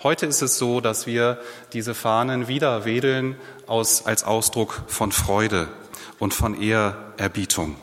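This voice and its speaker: A man's voice: fairly low pitch, takes it slowly, a bit bright. Man preaching in a reverberant hall. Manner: conversational preaching with rhetorical questions. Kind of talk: sermon. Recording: long reverb of a large hall.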